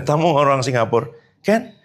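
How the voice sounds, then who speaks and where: A high-voiced male pastor preaching to his church. He talks in a lively way, asks the congregation questions and reads scripture aloud. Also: moderate pace. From Indonesia. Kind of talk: sermon. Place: church hall.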